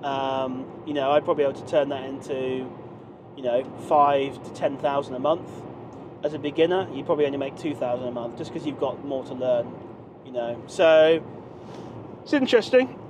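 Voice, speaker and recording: A man's voice: medium pitch, moderate pace. A man, talking casually to camera while driving, rambling with many fillers and restarts. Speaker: vlogger, online seller. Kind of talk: casual driving vlog monologue. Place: inside a moving car. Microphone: dashboard camera mic. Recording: car interior with clear road noise. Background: road and engine noise.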